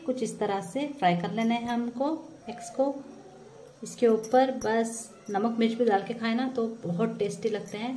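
Standing by a frying stove at home, this woman walks viewers through a recipe in a warm, talkative manner, greeting them and adding religious blessings along the way. Her voice is a little high, with a noisy background behind it.

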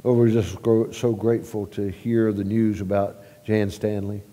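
A man leading a church prayer at a pulpit microphone, halting with repeated words and swelling louder as he prays. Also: fairly low pitch, level tone. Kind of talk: spoken church prayer and announcements. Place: church sanctuary. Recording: long reverb of a church sanctuary.

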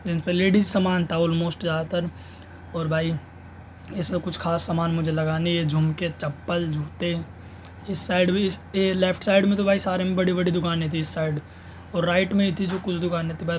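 Young man for a casual vlog voice-over, flat and a bit high, faint hiss. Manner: chatty, addresses viewers as brothers. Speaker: vlogger. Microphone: home voice-over mic.

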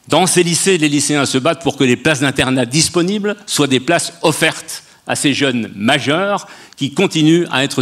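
A man's voice: medium pitch, a bit bright. An older man speaking as a guest on a public panel debate, making an impassioned case in long sweeping sentences into a handheld mic on a stage. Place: stage of a large dark auditorium.

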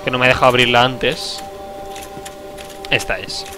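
A man's voice: mid-range voice, steady tone, normal speed. A young man, casually commenting on a game he is playing, joking and bursting out. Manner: chatty, joking, talking to himself, sudden outbursts. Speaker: streamer. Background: game music.

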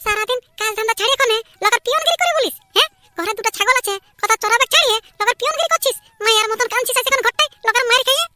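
A performer doing a scolding cartoon village mother with a Purulia Bengali accent, high and sharp-edged, nagging fast. her tone is bright and tense, with light music underneath. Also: full character voice.

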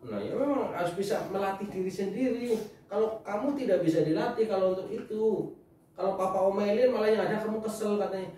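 A man's voice: high-pitched, fast talker, dark tone. A man talking as a father giving his family advice in casual chat, lecturing and laughing often. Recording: echoey room, mic far off.

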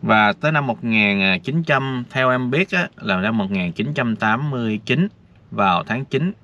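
A man's voice: medium pitch, lively intonation, unhurried, bright, forceful tone. A man vlogger, rambling casually and talking straight to his viewers, filmed outdoors. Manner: chatty, addresses viewers directly, rambling. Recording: dull lo-fi with faint noise.

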